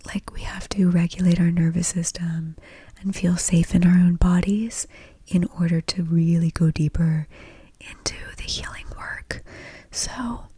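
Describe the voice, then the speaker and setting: A woman speaking in a soft, breathy ASMR whisper, gently confiding in a casual, meandering stream of thought. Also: lowish voice, flat delivery, moderate pace, no room sound. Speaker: host of an ASMR podcast.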